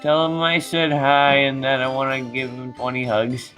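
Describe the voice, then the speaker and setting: A man's voice: mid-range voice, level tone, normal speed, sharp tone, faint music behind. Eager man chatting on a voice call. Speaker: friend on voice call. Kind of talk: casual chat.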